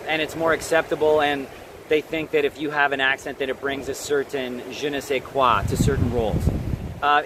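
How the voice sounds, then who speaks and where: A man with a slightly high voice coaches aspiring actors in a direct, emphatic way, checking in with his listeners as he goes. He is recorded outdoors, with clear wind and street noise in the background. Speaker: acting coach. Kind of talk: advice monologue to camera.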